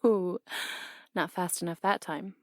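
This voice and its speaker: A woman's voice: on the low side, fairly even intonation, slow pace, no echo, studio quality. A woman playing a teasing tomboy boxing coach. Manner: teasing, blunt, laughs often. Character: brash tomboy female boxing coach, young adult, teasing. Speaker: audio role-play performer. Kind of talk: audio role-play.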